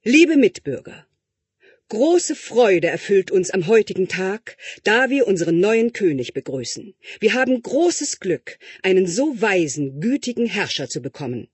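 A man voicing an anxious, fawning royal tutor who flatters and speaks slowly and high. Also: breathy edge, no room sound, exaggerated voice. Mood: pompous. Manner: obsequious, flattering, high and drawn-out.

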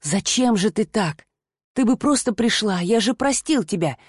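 A woman's voice: mid-range voice, lively intonation, moderate pace, breathy edge, no echo. Casting: woman doing an obsessive young man, cooing and pushy, dry close sound. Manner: cooing, then yelling angrily.

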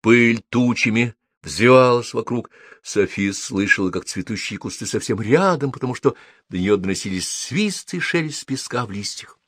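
Male audiobook narrator, lively pitch, dry close sound. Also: moderate pace, dry recording. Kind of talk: scripted narration.

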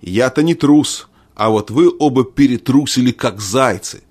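A furious proud king shouting down his lords, as a man reads him in an audiobook. his voice sits mid-range and rings with scorn. he blusters rather than reasons. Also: mid-range voice, fairly quick, lightly acted. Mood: angry. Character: angry proud middle-aged usurper king.

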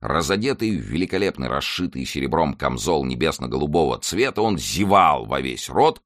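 A man narrating an audiobook in an expressive, measured reading. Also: a bass voice, no room sound, studio quality. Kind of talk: scripted narration.

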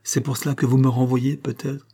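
A man's voice: mid-range voice, little pitch movement, fairly quick, mellow, slightly rough. A man voicing a devoted orphan boy servant who speaks humbly and close to tears, in a read-aloud novel. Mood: humble, sad. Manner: humble, pleading.

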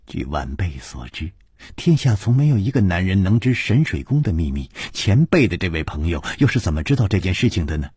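A man voicing a sharp, teasing young woman who presses with questions in a martial arts story. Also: low voice, sing-song, husky, dry recording, studio quality, heavily acted. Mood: probing. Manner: probing, quick questions.

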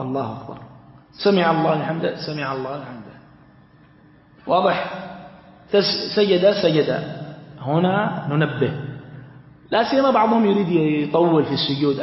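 A man from Yemen teaching a religious lesson, explaining a text step by step, asking rhetorical questions and repeating key phrases. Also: high voice. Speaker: sheikh teaching a study circle. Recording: echoey lo-fi hall recording.

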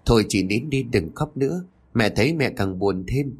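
A man's voice: medium pitch, animated, moderate pace, slightly rough. A man voicing a caring younger sister in a spoken story, eager and comforting.

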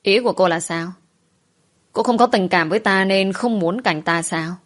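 A woman's voice: medium pitch, normal speed, natural voice. A woman voicing an angry, domineering man who is an underworld boss, speaking harshly and accusingly. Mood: jealous.

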